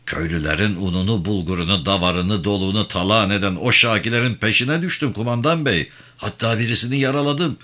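A man's voice: fairly low pitch, brisk, few pauses, pushed and bright. A man voicing a simple-minded, boastful rural militia commander who talks in an earnest, pleading way. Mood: eager.

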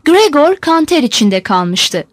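A woman reading a novel aloud as an audiobook, in a measured and expressive storytelling manner. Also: high-pitched, dry recording. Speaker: audiobook narrator. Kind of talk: literary audiobook narration.

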